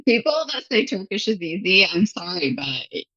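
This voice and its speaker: Chatting casually and laughing often, this American guest from Michigan is an English teacher in her thirties. Her medium-pitched voice is sing-song, pushed and bright, at a moderate pace. There's no echo, though the highs are cut off.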